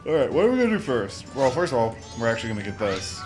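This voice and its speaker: A young male gaming channel host talks very fast in a sing-song, mid-range voice during a casual let's-play. His rambling is packed with fillers and self-corrections, set against video game music.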